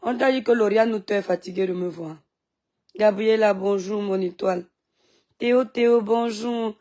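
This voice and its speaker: A woman's voice: medium pitch, normal speed, dark tone. A woman from Cameroon chatting on a phone live stream, greeting viewers by name and talking back at critics, with a sore throat.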